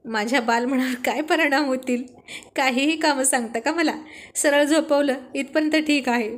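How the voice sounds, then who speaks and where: A woman's voice: high voice, close to an everyday voice. A woman voicing a playful young man who teases his friends in a spoken story. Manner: playful, teasing.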